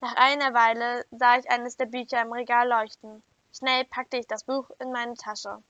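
A woman reading a first-person children's story aloud in an even, clear storytelling manner. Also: on the high side, normal speed, no room sound. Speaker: story reader. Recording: dull lo-fi dry recording.

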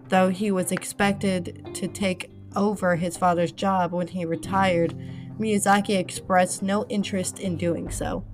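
Stumbling, apologetic woman reading a script. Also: on the low side. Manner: stumbling, apologetic, many fillers. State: hiccups. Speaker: true-crime narrator. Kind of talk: casual scripted reading with asides.

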